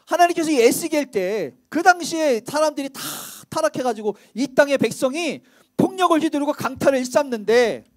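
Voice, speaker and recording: A man's voice: extremely high pitch, animated, a little fast. A male pastor preaching a sermon in a church, speaking conversationally and quizzing the congregation with rhetorical questions. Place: church sanctuary.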